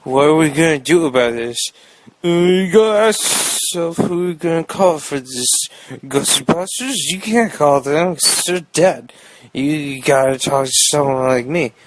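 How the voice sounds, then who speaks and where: A man's voice: fairly high pitch, lively intonation, measured pace. A young man hosting a podcast, rambling through a comic news monologue full of puns. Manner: rambling, jokey, fond of puns. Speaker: podcast host.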